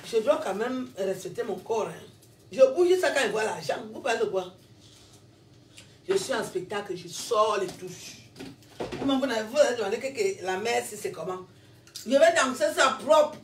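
A woman's voice: on the high side, animated, moderate pace, echoey room, far from the mic. A woman with a Cameroonian French accent, ranting to her followers, scolding and repeating herself, laughing between lines. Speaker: social media personality. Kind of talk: self-filmed rant to followers.

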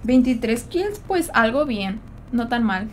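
This is a young Mexican streamer chatting casually during a gaming livestream, her high voice very animated as she fires off quick, slangy, Spanish-tinged banter and teases the viewers she says hello to. A faint hiss sits beneath the audio.

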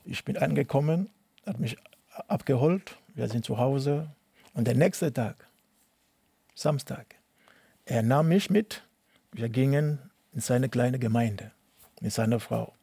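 Gravelly Cameroonian-born man, halting German. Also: mid-range voice, warm tone, no echo. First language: not German. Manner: halting, repeats words, broken German. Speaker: interviewee, tennis coach. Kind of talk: personal testimony interview.

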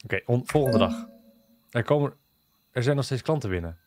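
A man's voice: medium pitch, expressive, fairly quick, darkish tone, no room sound. A man casually commentating on a game he is playing, joking and bantering with the characters on screen. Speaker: gaming video host. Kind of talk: casual let's-play commentary.

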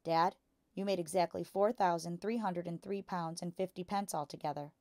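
A woman voicing a clever young girl in a storybook, gentle, quiet and sure of herself. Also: lowish voice, steady tone, normal speed, dry recording, clean studio sound, natural voice. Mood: gentle, insistent.

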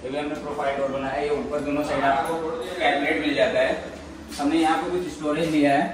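A man's voice: a little high, flat delivery, fast talker, crowd noise. Man touring an echoey empty apartment. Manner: plain, matter-of-fact pointing out of features. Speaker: interior contractor giving a home tour. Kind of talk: walkthrough tour, explaining fittings. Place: large empty apartment with bare walls, indoors. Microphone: camera mic, filmed while walking. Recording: echoey empty rooms, camera at a distance.

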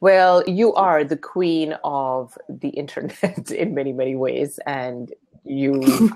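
A woman's voice: deep voice, steady tone, measured pace, a little mellow. A woman hosting a casual live video chat, bubbly and laughing often as she talks. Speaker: host.

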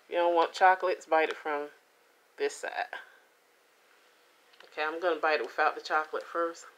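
A middle-aged woman chatting casually to the camera as she reviews food at home, with an unhurried manner. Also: deep voice, steady tone, a bit bright, a little hiss or hum. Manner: unhurried, talking between bites with pauses and mm sounds. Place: indoors, small home room. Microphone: camera or phone at about arm's length.

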